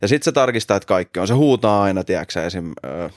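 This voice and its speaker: Low-voiced young man telling a story. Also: no room sound, clean studio sound. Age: 20s. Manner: swears freely, animated storytelling, laughs while telling. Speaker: podcast host. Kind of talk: casual chat, telling an anecdote.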